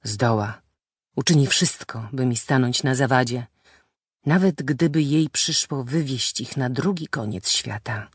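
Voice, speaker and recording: A man's voice: mid-range voice, measured pace, breathy edge, no room sound, studio quality. A woman narrator voicing a brooding nobleman husband who speaks in grave, old-fashioned formal phrases. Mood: grim. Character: brooding married nobleman, bitter toward his family.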